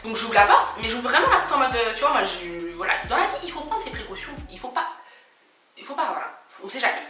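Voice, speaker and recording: Animated woman storyteller vlogging from home, high, lively voice, echoey and distant from the mic. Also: quick pace. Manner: animated, dramatic, laughing retelling. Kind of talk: storytime vlog. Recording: echoey room from far off, faint music.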